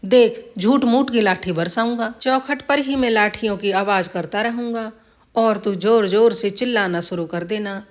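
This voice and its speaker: A woman's voice: mid-range voice, moderate pace, close to an everyday voice. A woman voicing a scheming, bossy old village husband who scolds and commands. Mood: plotting.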